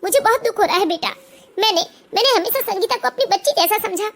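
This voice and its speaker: Woman voicing a kind cartoon mother-in-law, high voice, gentle, trusting. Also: animated, fast talker, exaggerated voice. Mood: hurt. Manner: gentle, soft-hearted. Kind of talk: cartoon voice acting.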